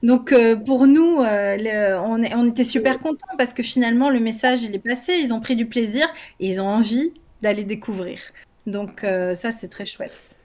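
A woman talks with eager enthusiasm, her voice sitting a little high. She explains in long, flowing runs sprinkled with fillers, like a co-host in a relaxed group chat. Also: moderate pace. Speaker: co-host presenting a language-learning project. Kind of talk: casual group discussion.

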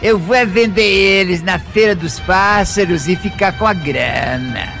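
A man's voice: sits high, measured pace, gravelly, a bit bright, faint music behind, heavily acted. A man playing a cheeky young hustler in a radio comedy sketch, talking back with mocking slang.

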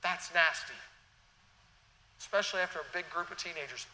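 A man's voice: fairly high pitch, brisk, sharp tone. A man preaching a sermon at a pulpit microphone, earnestly urging the congregation and speaking to them directly. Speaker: guest preacher. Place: church sanctuary. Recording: long church reverb, faint room ambience.

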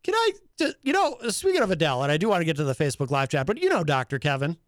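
A man hosting a casual talk show, teasing and speaking haltingly as he banters. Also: a little high, huge pitch swings, no echo, studio quality. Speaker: talk show host and hypnotherapist.

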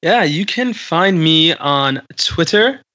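Wry male panelist, bright tone, dull dry recording. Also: fairly high pitch, lively intonation, takes it slowly, dry recording. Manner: wry, joking. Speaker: podcast panelist. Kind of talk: casual chat.

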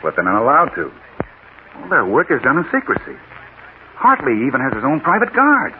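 Casting: tough, grumbling American news photographer in 1940s radio drama, wry and cynical, heard through very noisy, narrow-band sound. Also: male voice, mid-range voice, wildly swooping pitch, a little fast. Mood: intrigued. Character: tall, powerful, griping wisecracking newspaper photographer, cynical.

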